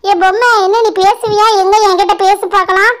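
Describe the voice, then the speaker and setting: A woman plays a bossy village grandmother in a doll show, complaining and scolding nonstop. The voice sits very high and shrill. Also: fairly even intonation, a little fast.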